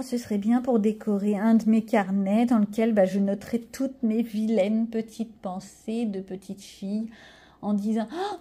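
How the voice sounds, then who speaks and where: Her voice is a little high, mellow and slightly rough. Showing off a coloring-book haul, the middle-aged vlogger talks casually to camera, wandering off on tangents and poking fun at herself.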